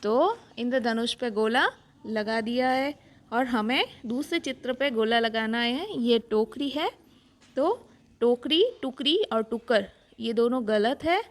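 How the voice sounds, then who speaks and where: Slow, patient woman teacher. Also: on the high side. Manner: slow, patient explaining of answers. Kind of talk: worksheet walkthrough lesson.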